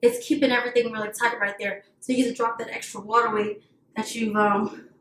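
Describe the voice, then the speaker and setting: A woman's voice: on the high side, flat delivery, a little fast, fairly bright tone, a little hiss or hum. A woman trainer talking through an at-home workout in casual chat, upbeat and laughing often. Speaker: fitness trainer guest. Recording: echoey room.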